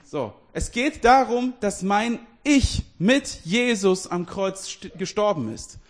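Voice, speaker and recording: A man with a high voice preaches in a loose, conversational way. He talks directly to the people listening, corrects himself often and laughs through his points. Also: animated, slow pace. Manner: restarts and self-corrections. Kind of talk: casual sermon.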